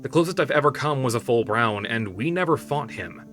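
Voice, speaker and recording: A man voicing a serious young male drake hunter in an audiobook, terse, low and guarded. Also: expressive, a little fast, fairly bright tone, soft background music, natural voice. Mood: grim. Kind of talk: audiobook character voice.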